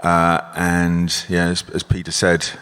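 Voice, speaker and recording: Panelist: man, deep voice, calm structured explainer. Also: slow, clear, resonant tone. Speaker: panelist, investment adviser. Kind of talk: conference panel talk. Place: conference hall.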